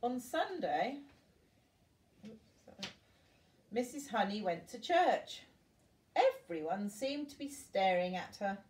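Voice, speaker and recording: Slow and full of long pauses, this older woman's medium-pitched, slightly mellow voice swings widely in pitch as she reads a storybook expressively to young children, grandmother-style, chatting to them in asides. Slight background noise and a roomy echo come through, since she is far from the mic.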